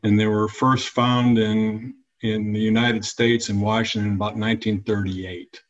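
Low-voiced man explaining as an expert. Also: unhurried, highs cut off, soft background music. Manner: relaxed, a few restarts. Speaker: wildlife agency program manager. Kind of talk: interview answers.

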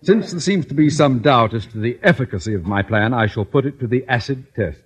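An actor playing a pompous, self-important middle-aged school principal in a 1950s radio comedy. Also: male voice, medium pitch, animated, fairly quick, slightly rough. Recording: dull old radio recording with loud hiss.

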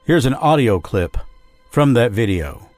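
A man's voice: medium pitch, very animated. A man hosting a podcast, reading a scripted true-crime narration and quoting sources. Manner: measured storytelling, reading quotes. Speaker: podcast host. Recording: dry studio voice with faint music.

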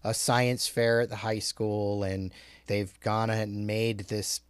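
A man's voice: fairly low pitch, level tone, a little slow, smooth, no echo. A man hosting a casual film discussion podcast, recapping scenes in a conversational way. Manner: leads the recap, conversational with fillers. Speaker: podcast host.

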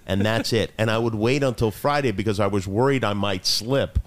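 A man on a podcast, earnestly telling a memory from high school. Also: brisk. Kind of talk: casual chat.

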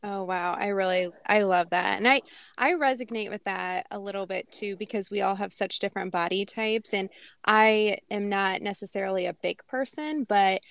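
A woman's voice: medium pitch, normal speed, creaky, fairly bright tone, smooth, dry recording. Enthusiastic woman co-host, dry close sound. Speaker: podcast co-host. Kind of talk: casual interview chat.

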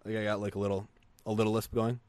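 A man on a podcast, telling stories in animated casual chat and swearing casually. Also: fairly low pitch, racing, dry recording.

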